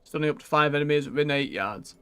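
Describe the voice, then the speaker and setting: A man's voice: on the high side, fast, fairly bright tone, clean tone, no echo. A man giving casual gameplay commentary as a streamer, chatty and muttering to himself as he goes. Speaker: video game streamer.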